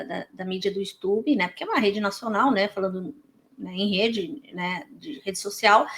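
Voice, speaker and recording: A Brazilian woman with a Brazilian Portuguese accent, talking in a slightly high voice as she reacts to a podcast clip. She comments in a heated, indignant way, stumbling over restarts and fillers as she goes. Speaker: reaction channel host.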